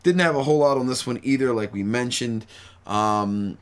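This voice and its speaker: A man's voice: medium pitch, moderate pace, smooth. A tired male podcast host chatting casually late at night. He rambles loosely and swears freely, with an ordinary mid-range voice.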